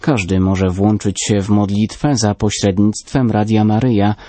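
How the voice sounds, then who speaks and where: A man reading the news in a measured, formal way. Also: fairly low pitch, fairly even intonation, mellow, no echo. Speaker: news reader.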